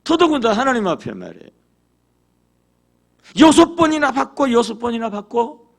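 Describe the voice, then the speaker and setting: Male pastor preaching in church, high gravelly voice, asks the crowd questions a lot. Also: normal speed. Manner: animated, acts out quoted prayers and dialogue. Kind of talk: sermon. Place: church sanctuary.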